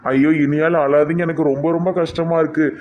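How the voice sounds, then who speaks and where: A man's voice: on the high side, level tone, fairly quick, highs cut off. A man in a comedy skit who pleads and apologizes to a woman. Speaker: comic suitor in a skit.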